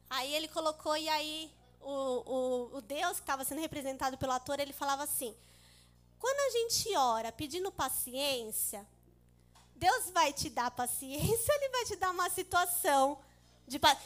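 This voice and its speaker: A Brazilian woman with a high voice preaches to her congregation and tells her story with expressive energy. She acts out each line of dialogue in it. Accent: Brazilian Portuguese. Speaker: church speaker.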